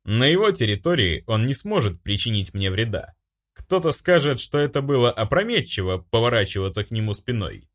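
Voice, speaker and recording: A man giving a wry, brisk first-person narration of a fantasy audiobook. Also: medium pitch, big pitch swings.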